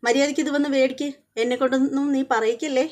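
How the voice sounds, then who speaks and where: A woman's voice: high voice, fairly even intonation, fast talker, a little mellow, lightly acted. A woman quoting a bossy middle-aged husband. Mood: commanding. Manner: calling out, commanding.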